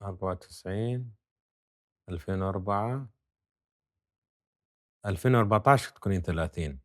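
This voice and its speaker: A man's voice: on the low side, fairly quick. A man hosting an interview, asking short probing questions and giving brief acknowledgments. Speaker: interview host.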